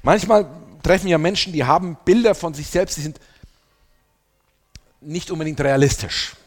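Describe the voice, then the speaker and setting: A man preaching a sermon, reading scripture aloud and speaking directly to his congregation with lively emphasis. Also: fairly high pitch, normal speed, big-room sound, faint music behind.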